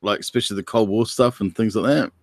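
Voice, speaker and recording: A man's voice: fairly low pitch, steady tone, quick pace, no room sound, studio quality. A man with a New Zealand accent hosting a casual livestream, teasing and chatting with viewers by name. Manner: laid-back, teasing, chats to viewers by name. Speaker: livestream host.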